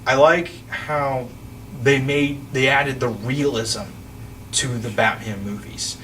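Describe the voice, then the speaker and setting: A man chats casually about films, wandering through his points and restarting sentences as he goes. His voice sits mid-pitch. He sounds a bit distant from the microphone, with a faint hum of ambience behind him. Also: steady tone, takes it slowly, fairly bright tone. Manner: rambling, restarts sentences, chuckles. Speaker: podcast host.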